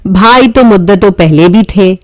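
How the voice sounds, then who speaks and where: A woman reading a novel aloud, voicing a lively, teasing teenage daughter who chats and pleads with her mother. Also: mid-range voice, dry recording, lightly acted.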